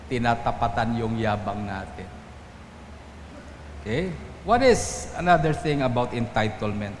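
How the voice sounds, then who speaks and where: Filipino priest preaching in an echoey church. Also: male voice, medium pitch, slight background noise. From Philippines. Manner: storytelling, quoting people in different voices. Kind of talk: Sunday homily. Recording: echoey church hall, faint ambience.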